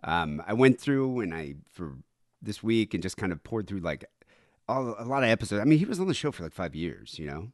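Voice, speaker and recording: Nasal, lively-voiced man hosting a podcast. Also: lowish voice, brisk, dry recording, studio quality. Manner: profane, rambling, animated. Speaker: podcast host. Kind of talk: casual podcast chat.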